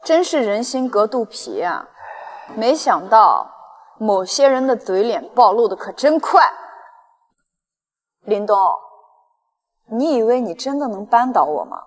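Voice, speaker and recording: A betrayed young chairwoman in a short drama. Her fairly high voice is stern and indignant, ringing in a long reverb. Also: very animated, measured pace, pauses often. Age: young adult. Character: betrayed, defiant young female company chairwoman.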